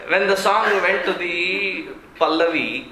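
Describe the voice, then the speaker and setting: A man with a South Indian accent telling an anecdote to an audience in an expressive, amused way with deliberate pauses. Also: high voice. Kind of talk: animated storytelling talk. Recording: roomy echo, faint background noise.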